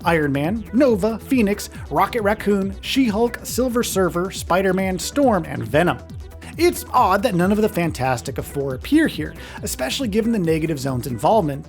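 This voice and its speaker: A man giving a scripted, top ten countdown style narration in an enthusiastic, informal way. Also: high-pitched. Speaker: video game countdown narrator. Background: music.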